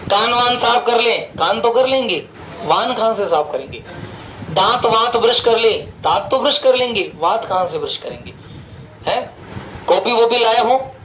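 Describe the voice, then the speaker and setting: A man teaching an English lesson in Hindi, asking playful rhetorical questions and slowly spelling words out for dictation. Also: high voice, fairly bright tone, echoey room, a little hiss or hum, rough recording.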